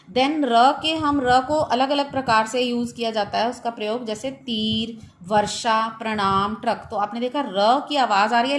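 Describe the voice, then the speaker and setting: A woman teacher with an Indian accent giving an online school lesson, explaining step by step and mixing in English words. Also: a little high.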